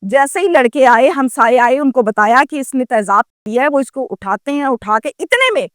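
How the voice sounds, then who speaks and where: A woman tells a story in a dramatic way, often pausing on rhetorical questions. Her voice sits fairly high. The sound is close and dry. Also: animated, dry recording. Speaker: commentator. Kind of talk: emotional storytelling commentary.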